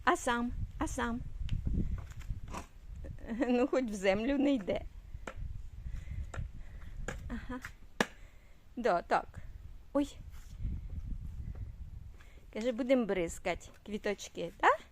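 A woman's voice: fairly high pitch, very slow, pauses often, slight background noise. A woman in her sixties from Ukraine, a grandmother vlogging at home with her family and coaxing a toddler in sing-song baby talk. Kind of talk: casual home vlog.

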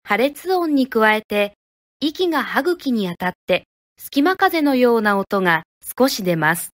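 A woman from Japan teaching pronunciation, speaking clearly and deliberately and modeling each syllable one at a time. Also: a little high, sing-song, dry recording, studio quality. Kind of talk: slow, careful teaching of pronunciation.

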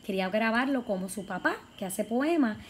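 A woman's voice: mid-range voice, lively intonation, fairly quick, a little hiss or hum. A woman in her thirties from Puerto Rico with a Puerto Rican accent, chatting casually as a family vlog host, laughing easily. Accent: Puerto Rican Spanish.

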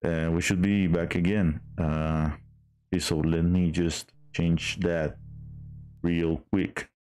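A man's voice: deep voice, flat delivery, slow, darkish tone. A man streaming a game in casual chat, hesitant with many fillers and restarts.

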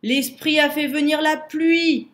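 A woman voicing a cautious wallaby in a storybook, speaking up loudly with warnings. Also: mid-range voice, steady tone, unhurried, natural voice. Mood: cheerful. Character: cautious wallaby guarding a mountain. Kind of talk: storybook reading.

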